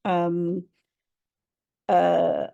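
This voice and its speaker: A woman from England, taking part in a webinar, offers a hesitant personal reflection via a computer mic, often restarting to find her words. Her low voice is gravelly and mellow, completely flat and extremely slow, and the audio sounds dull.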